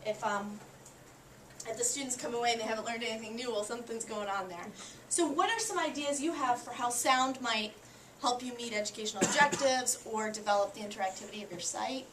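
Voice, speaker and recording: A woman's voice: on the high side, a little fast, noisy background. Woman teacher talking to her class, cheery and encouraging, far from the mic, roomy echo. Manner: upbeat, encouraging. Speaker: college instructor.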